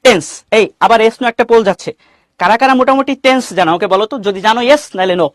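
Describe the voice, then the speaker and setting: A man's voice: high voice, fast talker, no echo, clean studio sound. A man from Bangladesh with a Bangladeshi Bengali accent, teaching an English lesson in an online class. He asks the class questions, reads out students' names and mixes English phrases into his Bengali.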